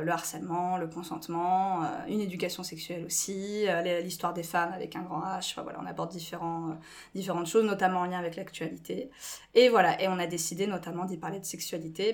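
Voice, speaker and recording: A woman in her twenties from France, a podcast guest who talks in a lively way with many fillers and gestures a lot. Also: lowish voice, fast talker. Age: 20s. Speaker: guest, school staff member. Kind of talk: casual podcast interview.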